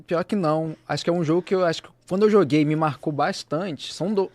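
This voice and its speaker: A man's voice: a little high, fast, darkish tone, no echo. A young man from Brazil, a podcast co-host rambling with slang and restarts in casual chat.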